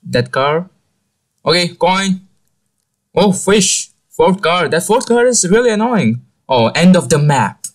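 A young man commentating his mobile game play, excitable and jokey, with many exclamations. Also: high voice, takes it slowly. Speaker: gaming channel host.

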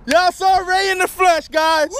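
Excitable young man fishing off a bridge. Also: very high voice, slight background noise. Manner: excitable, hollers and laughs, repeats himself. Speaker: fishing vlogger. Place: outdoors on a bridge over the sea. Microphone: action camera.

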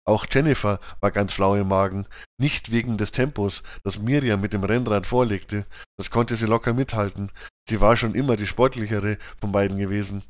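A man reading a children's audiobook with even, clear storytelling. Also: fairly low pitch, normal speed, dry recording, clean studio sound. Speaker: audiobook narrator.

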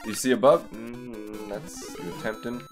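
A man's voice: fairly low pitch, flat delivery, measured pace, soft background music. A man chatting casually while playing a video game, goofy and self-mocking. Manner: goofy, self-mocking, makes silly sound effects. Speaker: let's play co-host. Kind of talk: casual gameplay chat.

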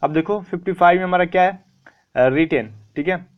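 A man's voice: high voice, fairly quick, lo-fi sound. A young man teaching vocabulary in a casual mix of Hindi and English, asking questions and answering them himself. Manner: chatty, repeats "theek hai", asks and answers his own questions. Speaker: online exam-prep vocabulary teacher.

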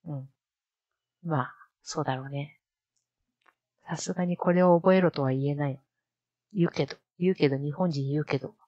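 A woman streamer chatting casually to herself, slowly repeating practice sentences and musing aloud. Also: low-pitched, no echo, highs cut off. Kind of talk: casual live-stream commentary.

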